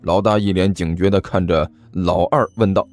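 A man narrating a comic audiobook in a lively storytelling manner, with soft music behind. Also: sits low, normal speed.

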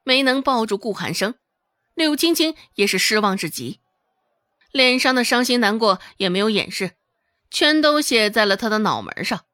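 A woman narrating a serialized novel in an expressive storytelling manner. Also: on the high side, moderate pace, dry recording, clean studio sound. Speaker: audiobook narrator.

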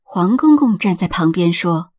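A woman narrating a palace drama audiobook in a steady, expressive storytelling voice. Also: lowish voice, a little slow, breathy edge, no echo, studio quality.

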